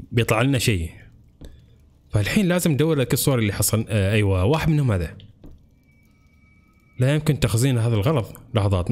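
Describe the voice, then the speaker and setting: Brief: young man, let's-play host, quick lively delivery, jumps high when excited. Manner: excitable, talks to viewers as brothers. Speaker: gaming channel host.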